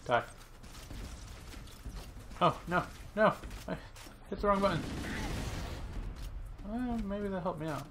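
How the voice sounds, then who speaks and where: A man's voice: sits high, expressive, takes it slowly, pauses often, noisy background. A man giving frustrated, self-mocking running commentary while playing a video game. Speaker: let's play gamer. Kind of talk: gameplay commentary.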